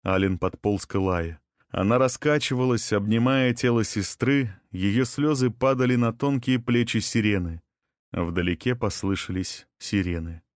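A man reading a dramatic audiobook with a tense, expressive delivery. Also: medium pitch, moderate pace, no echo, clean studio sound. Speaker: audiobook narrator.

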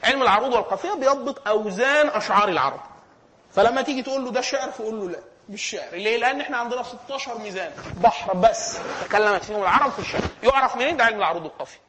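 A man with an Egyptian Arabic accent and a high, bright, pushed voice lectures at a rapid-fire pace. He teaches Islamic sciences, posing questions to himself and then answering them.

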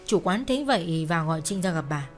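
A woman's voice: on the low side, animated, quick pace. A woman narrating a dramatic story with storybook flair. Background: soft music.

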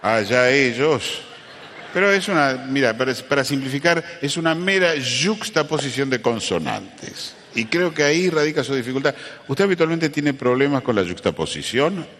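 A man's voice: mid-range voice, big pitch swings, normal speed, fairly bright tone. A man doing a pompous pronunciation expert. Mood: pedantic. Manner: pedantic, mock-learned lecturing. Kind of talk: live comedy sketch. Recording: live stage recording with long reverb and hiss.

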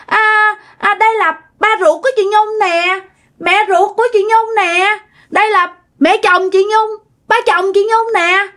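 A woman voicing the ghost of a five-year-old boy, high and childish. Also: fairly even intonation, measured pace, a bit bright. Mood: playful. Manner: high childish singsong, whiny.

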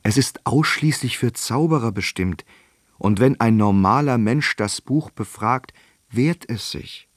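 A man's voice: medium pitch, lively intonation, a little slow, dry recording, clean studio sound, pitched above the performer's own voice. A man voicing a nervous, fussy old wizard who soothes and explains. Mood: explaining. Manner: anxious, reassuring, explanatory.

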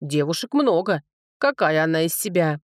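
A woman reading an audiobook, voicing a blunt, folksy old male dwarf with a booming manner. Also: very animated, moderate pace, dry recording, studio quality. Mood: gruff.

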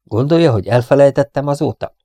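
A man's voice: mid-range voice, warm tone, no echo, voice pushed up, natural voice. A man voicing a cheeky, mocking young male rogue in a storybook reading. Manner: sarcastic.

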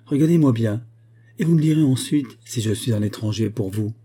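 A man's voice: mid-range voice, a little fast, dark tone, husky, natural voice. A man voicing a bitter, commanding middle-aged man who speaks with mocking scorn.

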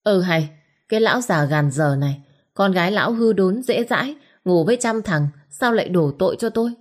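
A woman's voice: mid-range voice, animated, brisk, lightly acted. A woman voicing an arrogant young rich man who sneers and hurls insults in a storybook reading. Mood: sneering.

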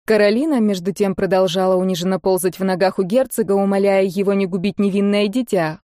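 A woman reading a fantasy audiobook in a steady, measured storytelling voice. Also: medium pitch, no echo, studio quality. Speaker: audiobook narrator. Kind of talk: dramatic fantasy narration.

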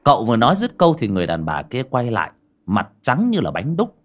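Male storyteller, ghost story narration, lively, colloquial, pitch that rises and falls a lot. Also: brisk.

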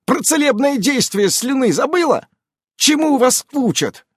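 A man reading an audiobook, voicing a commanding adult witch woman who barks sharp, scolding orders. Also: very high-pitched, sing-song, unhurried, breathy edge, no echo, studio quality, pitched above the performer's own voice, exaggerated voice.

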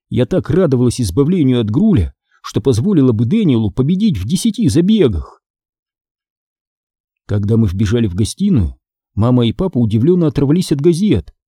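A man reading a children's story aloud as narrator, with expressive, dramatic pacing. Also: medium pitch, husky, no room sound, clean studio sound. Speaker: audiobook narrator.

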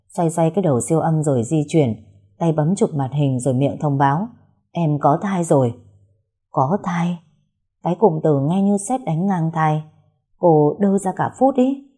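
Give me a woman storyteller with a low, mellow, husky voice. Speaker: narrator. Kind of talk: storytelling narration.

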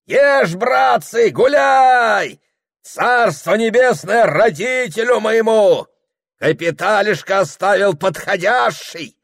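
A man voicing a loud, reckless drunken merchant host who shouts and boasts at a feast. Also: fairly low pitch, very animated, very slow, gravelly, husky, exaggerated voice. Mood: rowdy drunken.

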